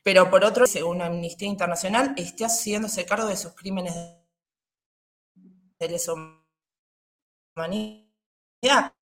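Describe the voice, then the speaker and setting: A woman's voice: mid-range voice, measured pace, long pauses. A woman, speaking earnestly as an interview guest while her call audio keeps breaking up. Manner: earnest and argumentative, with frequent restarts. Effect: choppy, breaking-up internet call audio. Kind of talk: political commentary over a video call. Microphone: remote call microphone.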